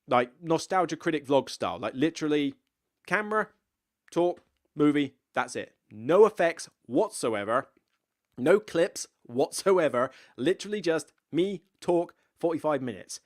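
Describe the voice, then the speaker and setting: A man's voice: fairly high pitch, expressive, unhurried. A man in his thirties with a Somerset West Country accent, hosting a casual live Q&A and chatting in a rambling, self-deprecating way with plenty of asides. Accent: West Country Somerset, slightly blurred. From West Country, England. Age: 30s. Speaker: board game channel host.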